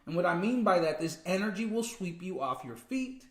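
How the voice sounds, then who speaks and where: Animated man chatting in an echoey room. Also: high voice, moderate pace. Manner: animated, laughs often, emphatic. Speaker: co-host. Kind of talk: casual spiritual livestream chat.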